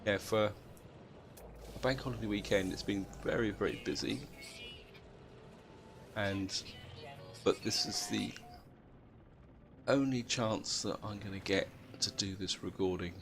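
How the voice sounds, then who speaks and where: A man's voice: lowish voice, unhurried, creaky, long pauses, music in the background. A British man, sounding half asleep, giving casual commentary as he hosts a video game playthrough. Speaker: video game let's-play host. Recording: noticeable background noise.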